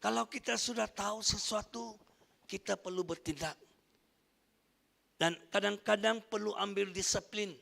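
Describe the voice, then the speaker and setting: An older man preaching a sermon as pastor, emphatic and gravelly, punctuating points with hallelujahs. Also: high-pitched, a little slow, long pauses, fairly bright tone. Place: church hall. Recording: long church hall reverb.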